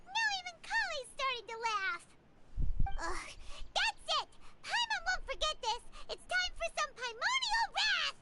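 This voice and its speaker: Paimon, a shrill tiny fairy companion. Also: female voice, big pitch swings, unhurried, very noisy, exaggerated voice. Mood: indignant. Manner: shrill, dramatic, talks of herself in the third person. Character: tiny floating fairy-like girl companion, excitable and bossy. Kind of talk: video game voice acting. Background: loud game music.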